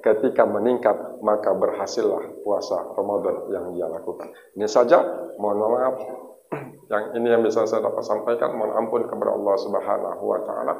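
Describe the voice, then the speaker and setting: Preacher in an echoey mosque hall. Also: male voice, on the low side, gravelly, highs cut off. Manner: folksy, asks the congregation questions. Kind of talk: Ramadan evening sermon.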